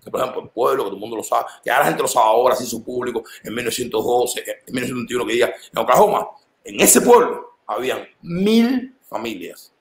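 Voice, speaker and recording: A man with a Cuban accent talking in a casual conversation, animated and emphatic, his voice swinging up and down as he makes his points. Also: mid-range voice, gravelly, echoey room.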